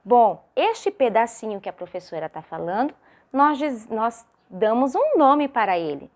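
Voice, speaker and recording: A female primary school teacher with a Brazilian Portuguese accent records a video lesson for young children. Her fairly high voice is sing-song and slow, stretching out syllables and asking lots of rhetorical questions.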